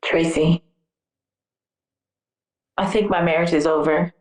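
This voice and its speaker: An actress playing a worried wife who leaves halting voicemail messages for her missing husband, heard played back. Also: deep voice, steady tone, darkish tone, roomy sound. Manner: anxious, halting, with hesitant fillers.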